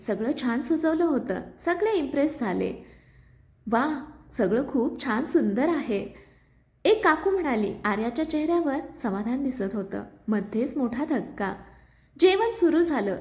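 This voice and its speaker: A woman's voice: sits high, a little mellow. A woman telling a family drama story in a dramatic narration style that builds suspense. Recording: roomy echo.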